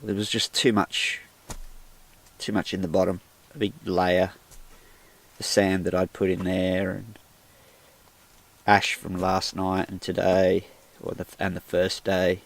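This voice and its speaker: A man's voice: low-pitched, little pitch movement, unhurried, gravelly, pauses often, slight background noise. A man, chatting casually to the camera inside a small tent with a wood stove and rambling in self-deprecating asides. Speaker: outdoor vlogger. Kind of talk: casual solo vlog commentary.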